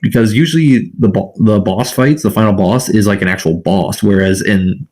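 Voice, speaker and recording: A man co-hosting a casual gaming podcast, talking through game design in a measured, analytical way. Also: lowish voice, a little mellow. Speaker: podcast co-host.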